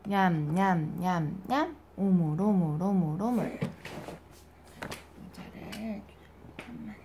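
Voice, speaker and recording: A mother speaking soft, sing-song baby talk while spoon-feeding her baby at home, repeating little chewing sounds to coax each bite. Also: on the low side, lively intonation, takes it slowly, slight background noise. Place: home, at the baby's feeding chair.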